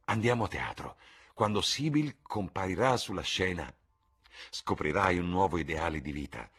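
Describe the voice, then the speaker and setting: A man voicing an earnest, impulsive young man in an audiobook reading, with a husky voice and an eager, emphatic delivery. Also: low-pitched, expressive, normal speed, fairly bright tone, pitched above the performer's own voice, heavily acted.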